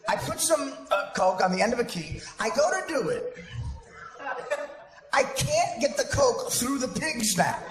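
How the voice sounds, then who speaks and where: A male comedian spins a profane, self-mocking tale for a live crowd. His voice sits high and leaps all over the place. The sound rings with long hall reverb over a steady bed of noise. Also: unhurried, over loud music. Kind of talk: stand-up storytelling to a live audience. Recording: echoey hall with background noise.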